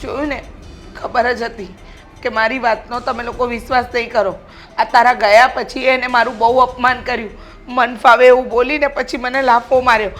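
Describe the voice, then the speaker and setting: Older actress as scheming mother-in-law faking tears; accusing, self-pitying, slightly high voice, film drama. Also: fairly even intonation, moderate pace, fairly bright tone, soft background music, lightly acted. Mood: complaining tearfully. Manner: wailing self-pity, accusing. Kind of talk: village family drama.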